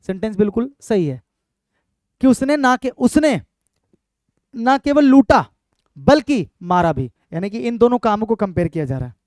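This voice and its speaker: A man teaches grammar in a high, smooth, resonant voice. The sound is close and dry, with no room around it. He keeps asking his students questions and reads each example sentence out slowly. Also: darkish tone, no echo. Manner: repeats points and quizzes students with questions. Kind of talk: exam-prep grammar lesson.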